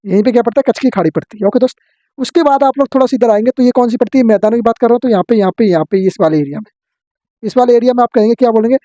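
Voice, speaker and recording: A man teaching an exam-prep geography lesson, drilling his students with quick questions and answers. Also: very high-pitched, mellow, dry recording, muffled recording.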